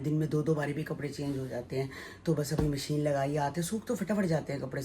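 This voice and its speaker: A woman's voice: low voice, warm tone, slight background noise. A middle-aged woman talking earnestly to her viewers in a home vlog, pleading and repeating herself. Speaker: family vlogger. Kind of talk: emotional vlog talk to viewers.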